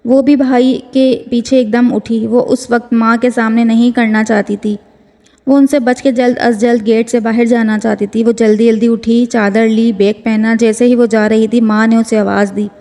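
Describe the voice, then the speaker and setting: Female novel narrator, emotional and slow; flat, high delivery with hall echo. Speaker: novel reader. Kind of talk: reading a romance novel aloud. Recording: long hall reverb.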